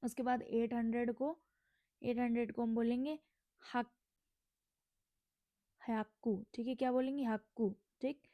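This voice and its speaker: A young woman from India teaching a casual language lesson, repeating each word slowly and asking and answering her own questions. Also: on the high side, flat delivery, warm tone, no echo.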